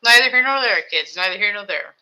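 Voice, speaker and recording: Rambling home streamer with a sharp, bright voice who chats and builds at the same time. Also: medium pitch, animated, fast, poor audio. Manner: chatty, thinks aloud, self-mocking asides. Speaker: live streamer building toy sets. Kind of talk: casual rambling chat while building. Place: home desk with two computers.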